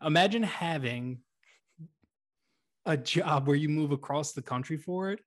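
Joking man with a higher-pitched voice. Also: measured pace. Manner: profane, joking, self-deprecating. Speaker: podcast co-host. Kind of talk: casual comedic banter.

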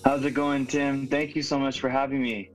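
A man in his twenties from Hawaii, a youth pastor telling his story as a podcast guest in an earnest, reflective way with thoughtful pauses. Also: medium pitch, level tone, soft background music. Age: 20s. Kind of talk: casual conversational storytelling. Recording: dull lo-fi remote audio.

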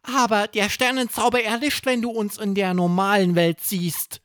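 Squeaky excited little animal buddy, high and urgent, kids' audio story, dry close sound. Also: male voice, moderate pace, no room sound. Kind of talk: children's audio drama.

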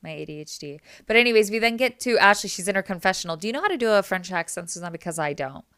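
A woman's voice: medium pitch, lively intonation, very fast, a bit bright, smooth, no echo, clean studio sound. A young woman co-hosting a podcast, chattily recapping a reality show episode and laughing often, heard over remote call audio. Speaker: podcast co-host. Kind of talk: casual TV recap chat.

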